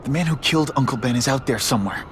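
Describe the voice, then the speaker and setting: An American man playing a young superhero in a video game, quick with glib banter yet earnest and haunted by loss. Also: medium pitch, a little hiss or hum, lightly acted. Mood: brooding, resolute. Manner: glib, teasing banter and earnest brooding narration. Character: young wisecracking superhero haunted by his uncle's death. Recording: loud music under the voice.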